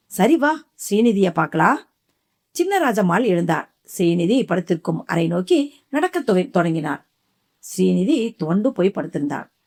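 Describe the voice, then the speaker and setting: A woman narrating a suspense audiobook in a slow, dramatic reading style. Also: lowish voice, darkish tone. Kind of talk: scripted narration.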